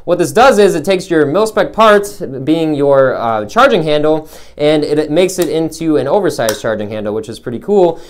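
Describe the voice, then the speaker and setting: A man's voice: fairly high pitch, animated, normal speed, slight background noise. A young man who works as a gun store salesman, talking casually to his viewers in a rambling way, with many fillers and restarts. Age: young adult. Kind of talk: casual vlog talk.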